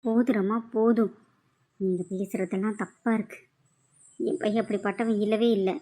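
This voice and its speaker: A woman's voice: medium pitch, fairly even intonation, moderate pace, warm tone, close to an everyday voice. A woman voicing a middle-aged aunt in a cartoon drama who refuses to believe her son did wrong. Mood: defensive. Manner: anguished, disbelieving, imploring.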